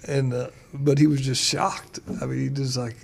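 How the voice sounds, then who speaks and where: A man who is a pastor, telling stories in a casual chat and getting animated when he retells dialogue. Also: medium pitch, normal speed, creaky, a little hiss or hum. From United States. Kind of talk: casual conversation, storytelling.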